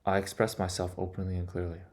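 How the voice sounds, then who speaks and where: A low-voiced male vlogger speaks in short, deliberate phrases, his melody staying fairly flat. He sounds earnest and confessional, as though reflecting aloud in a personal monologue.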